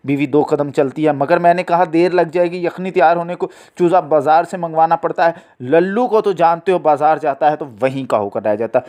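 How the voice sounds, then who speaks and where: Male reader, slightly higher pitch, plain narration of a one-act play. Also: a little fast, hardly any pauses, darkish tone. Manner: plain narration of stage directions.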